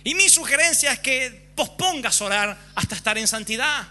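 A man's voice: very high-pitched, animated, normal speed, sharp tone, voice pushed up, heavily acted. A man putting on a sly chummy devil. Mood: coaxing. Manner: chummy, coaxing, casual slang. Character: sly smooth-talking male devil, fake friend.

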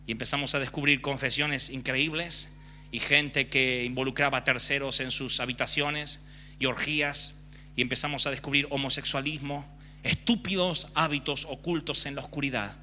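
A man's voice: mid-range voice, moderate pace, sharp tone, slight background noise. A man preaching a sermon frankly and with passion, often acting out examples. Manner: impassioned, frank, acts out examples.

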